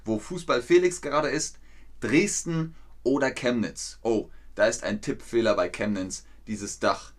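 Slow, clear male German teacher. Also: mid-range voice. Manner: slow, clear, repeats words for learners; lively, with quiz questions to viewers. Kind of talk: online German lesson.

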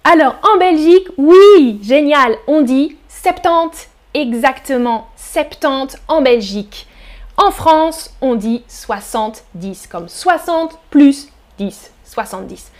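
A woman teaching pronunciation in a live-stream lesson, saying words slowly and clearly, repeating drills and greeting viewers in the chat. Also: high-pitched, lively intonation, a little mellow. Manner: slow, deliberate pronunciation drills with repeated examples. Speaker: French teacher.

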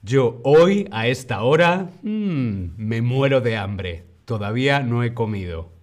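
A male teacher leads a live online lesson at an unhurried pace, in a mid-range voice. He stretches out each example phrase slowly for the learners, then breaks into lively exclamations. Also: mid-range voice. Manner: slow, drawn-out model phrases, lively exclamations. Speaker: Spanish teacher.

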